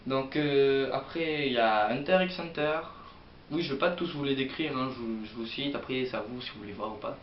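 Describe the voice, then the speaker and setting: A man's voice: medium pitch, brisk. Hesitant young man, distant roomy lo-fi sound. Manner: hesitant, rambling with many fillers. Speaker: manga vlogger. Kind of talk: casual manga chronicle to camera. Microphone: built-in mic of an old computer setup. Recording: roomy, distant, dull lo-fi sound with faint hiss.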